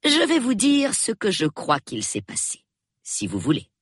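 A man reading an audiobook, voicing a shrewd, prim elderly spinster who speaks in a measured, precise, calmly reproving way. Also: sits high, slightly rough, no echo, clean studio sound, voice pushed up, heavily acted. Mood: calm, knowing. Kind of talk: audiobook character voice.

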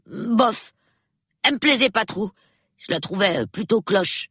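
An excited nine-year-old boy. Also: high-pitched, slightly rough, no echo, studio quality, voice pushed up, heavily acted. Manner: eager, rapid, gossipy.

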